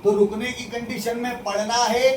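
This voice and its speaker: A male religious teacher leading a call-and-response lesson, speaking slowly and repeating phrases for students to echo back. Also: extremely high pitch, little pitch movement, a little hiss or hum. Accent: Hindi-Urdu speaker from central India.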